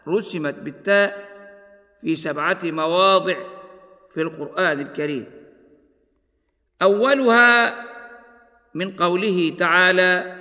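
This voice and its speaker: A man giving a formal lesson on Quran spelling, speaking slowly and deliberately as he lists items one by one, on a muffled radio recording. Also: high-pitched, long reverb tail. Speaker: Quran teacher.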